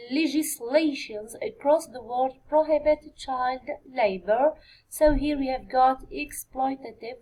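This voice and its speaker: Algerian woman, English teacher, high voice, slow deliberate review lesson, repeats key words. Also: warm tone, rough recording. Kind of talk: classroom exam review lesson.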